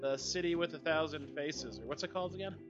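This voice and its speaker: A man's voice: a little high, a little fast, highs cut off, over music. A man hosting a casual movie-review podcast, laughing often and tripping over his words. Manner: laughs often, stammers and restarts. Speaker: podcast host.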